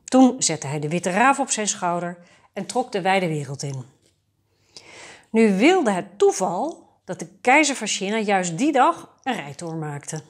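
A woman storyteller reads a fairy tale for adults aloud. Her delivery is calm and measured, at a middling pitch for a woman.

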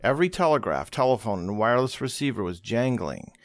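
A man reading a history book aloud as an audiobook, expressive and dramatic, closely recorded. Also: mid-range voice, fairly quick, no room sound. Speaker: audiobook reader.

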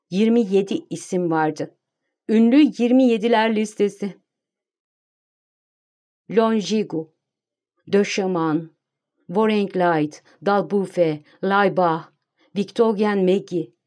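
Brief: female audiobook narrator, measured delivery, warm low timbre. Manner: calm, measured reading. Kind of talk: scripted narration.

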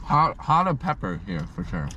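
A man talks through a mouthful of food while chewing, his pitch rising and falling in a lively way. He thinks aloud with hesitant fillers in a casual food review. Clear background noise sits behind him. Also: normal speed, muffled recording. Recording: noisy background ambience.

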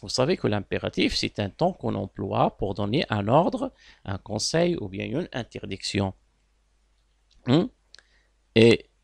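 A man with a Moroccan accent teaching a class as he corrects an exam, explaining slowly, repeating words and asking his students questions. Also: medium pitch, creaky, dry recording, studio quality.

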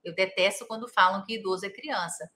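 A woman physiotherapist giving a casual talk to caregivers, chatty and tagging her phrases with quick checks. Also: medium pitch, sharp tone, a little hiss or hum.

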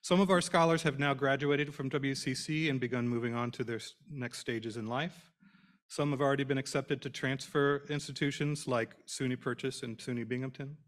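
A man delivers a prepared introduction from a podium in an auditorium. His pitch sits in the middle, and his delivery is formal and measured, with phrases that trail off at the ends. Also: fairly even intonation. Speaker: program director introducing scholars. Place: auditorium stage. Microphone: podium microphone.

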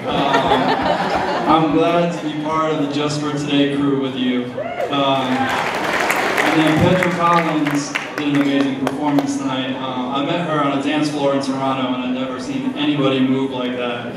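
Recorded from the audience, a young New Jersey man's medium-pitched voice comes through the podium mic and speakers in a large, echoey gala hall, sounding distant over crowd murmur and room noise. He speaks at a moderate pace with little pitch movement, delivering a casual, jokey acceptance speech packed with fillers.

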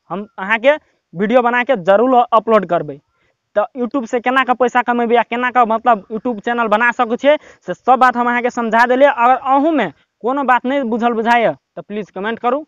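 A young man with a Maithili accent giving casual, rambling, encouraging advice to viewers, with lots of filler words, filmed by his brother in a quiet spot. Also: very high voice, normal speed, clear, resonant tone, dry recording, muffled recording. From Nepal. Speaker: YouTube tips vlogger. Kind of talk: casual motivational talk to camera.

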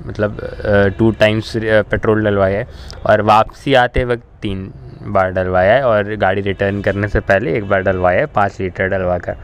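An Indian car vlogger talks casually in a medium-pitched, smooth voice, slipping English words into his speech. It's easygoing road-trip vlog chatter.

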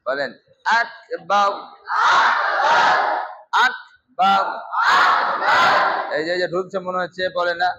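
A man's voice: on the high side, pushed and bright, lo-fi sound, a little hiss or hum. A man teaching Quran pronunciation in a mosque class, strictly drilling students call-and-response and scolding them.

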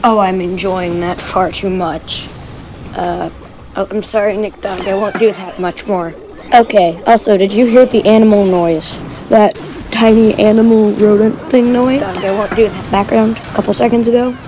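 A woman's voice: mid-range voice, fairly even intonation, normal speed, background noise. A woman giving chatty, giggly commentary over her gameplay, recorded afterwards.

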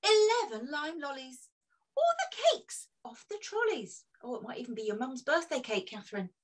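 A woman's voice: high voice, big pitch swings, moderate pace. A woman reading a picture book aloud to children, playful and full of exclamations. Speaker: children's storyteller. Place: indoors, on a video session.

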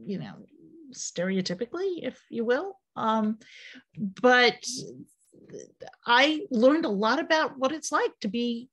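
An older woman, an author and former journalist, speaking on a video call from a home office in a slow, thoughtful way with many pauses. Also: on the high side, animated, fairly bright tone. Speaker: author and panel guest. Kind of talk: panel discussion on a video call. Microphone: video call webcam.

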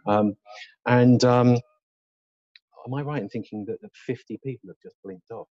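In a hospital lecture room, a middle-aged orthopaedic surgeon delivers a live webinar in a mid-range voice at normal speed. He's emphatic and opinionated, using rhetorical questions and blunt humour, and the recording is dry and lo-fi.

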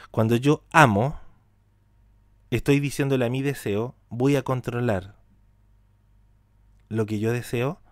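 A man leads a spiritual lesson on mysticism, putting rhetorical questions to his listeners and repeating words for emphasis. His voice sits at an ordinary pitch for a man. The recording is dry and close, with no room sound. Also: no echo. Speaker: teacher of Hebrew mysticism. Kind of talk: spiritual talk to an audience.

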